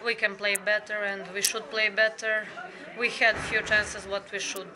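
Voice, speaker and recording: A young woman footballer from Serbia with a Serbian accent, answering post-match questions in halting non-native English with small laughs. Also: medium pitch, level tone, a crowd in the background, low-quality recording. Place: indoors by a brick wall after a match. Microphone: handheld mic on a stand near the chin.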